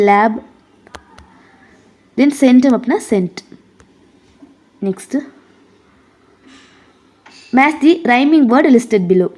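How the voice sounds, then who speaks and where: Slow, mellow-voiced Tamil-accented woman tutor. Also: on the high side. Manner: reads English questions slowly, explains in quick Tamil. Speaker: English exam tutor. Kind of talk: exam prep lesson.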